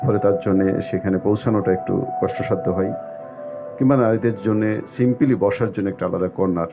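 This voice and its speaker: A man speaking as an expert guest in a discussion, explaining point by point in a formal, deliberate way with halting pauses. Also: on the low side. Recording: muffled lo-fi audio with music behind. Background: music.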